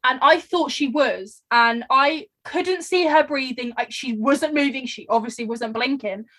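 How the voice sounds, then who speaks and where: A woman co-hosting a casual podcast, chatty and animated, telling stories with lots of fillers. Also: high-pitched, measured pace. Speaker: podcast co-host. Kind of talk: casual chat.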